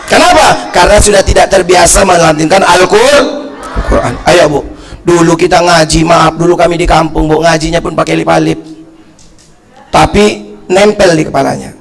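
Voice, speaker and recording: A middle-aged male preacher from North Sumatra giving a lively sermon, telling stories and acting out the voices of the people in them. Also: fairly high pitch, normal speed, vocal fry. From North Sumatra, Indonesia. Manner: animated storytelling, acting out voices of people in anecdotes; loud, shouting emphasis.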